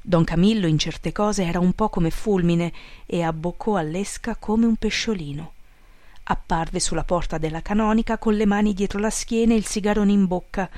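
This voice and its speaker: A woman narrating an audiobook in a measured, wry storytelling manner. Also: medium pitch, steady tone, darkish tone, no room sound. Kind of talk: audiobook reading.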